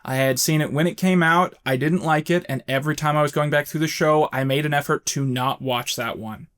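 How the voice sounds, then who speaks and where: A man's voice: a little high, fairly even intonation, fairly quick, a bit bright, smooth. A man hosting a commentary video essay, narrating with wry, sarcastic asides.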